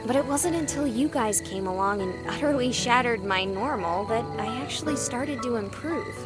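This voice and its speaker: In a visual novel, a woman plays a wry, candid young woman who talks conversationally but stays somewhat guarded and reflective. Her expressive, slightly high voice moves at normal speed, close to everyday speech, with music and night insects like crickets and frogs in the background.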